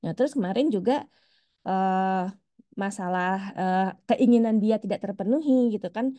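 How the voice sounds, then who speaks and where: Brief: woman in her thirties, parent caller, rambling and hesitant, mellow tone, dry close sound. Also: medium pitch, moderate pace, no echo. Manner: rambling, hesitant, many restarts. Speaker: parent asking a question. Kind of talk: casual spoken question on a call.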